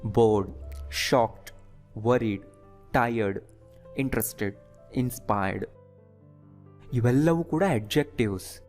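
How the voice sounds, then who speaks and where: A man teaching English grammar in an online lesson, patiently asking his viewers quick check questions. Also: mid-range voice, a little mellow, faint music behind.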